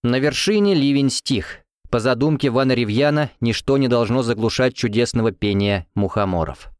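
A man narrating a fantasy novel as an audiobook reader, in an even, measured storytelling manner. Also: medium pitch, smooth, dry recording. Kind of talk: scripted narration. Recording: dry close recording.

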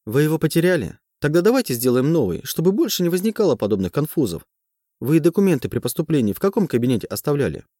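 A man's voice: a little high, big pitch swings, dark tone, no echo, clean studio sound, voice pushed up. A man doing a polite, weary woman director. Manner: polite, measured. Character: tired composed woman academy director.

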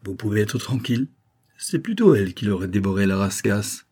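A man's voice: on the low side, lively intonation, fairly quick, darkish tone, slightly rough. A man doing a sly old sea dog. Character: mischievous old male sailor, sly and mocking.

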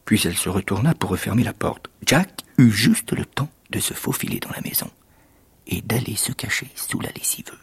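A man, an actor, reading a fairy tale aloud in measured, expressive storytelling narration. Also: lowish voice, breathy edge, whispered.

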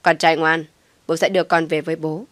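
A woman voicing a cruel, sneering young father who taunts and threatens in a harsh, loud voice. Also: low-pitched, little pitch movement, fairly quick, dry recording, lightly acted. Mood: menacing.

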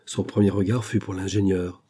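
Low, husky man narrating a novel. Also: level tone, normal speed, warm tone. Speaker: audiobook narrator. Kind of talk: literary audiobook narration.

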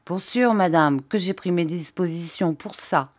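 A woman's voice: fairly low pitch, lively intonation, unhurried, mellow, no room sound, clean studio sound. A woman voicing an older female farm servant who is blunt and affectionate, with rustic dropped syllables. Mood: plain.

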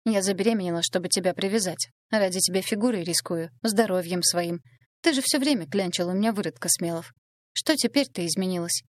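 A venomous, sneering young woman with a raised, bright edge to her voice, as a female reader puts her on. The recording is dry and close, with no room sound. She spits scorn and gloats over her schemes. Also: lowish voice, a little fast, no room sound, lightly acted. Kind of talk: audiobook dialogue reading.

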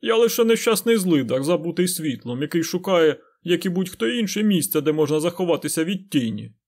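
A man voicing a grimy, shifty male beggar who whines and shouts. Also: fairly high pitch, animated, brisk, voice pushed up. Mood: whining. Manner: whining, then shouting and oily-smooth.

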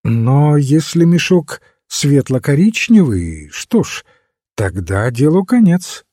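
A man's voice: fairly high pitch, sing-song, takes it slowly, mellow, no room sound, studio quality, voice pushed up, full character voice. A man voicing a mild, earnest little priest detective in a storybook reading, eager and lifting his voice.

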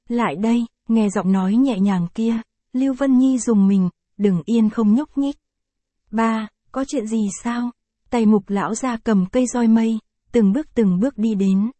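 A woman narrating a dramatic story aloud in a steady, even way. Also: fairly high pitch, no room sound.

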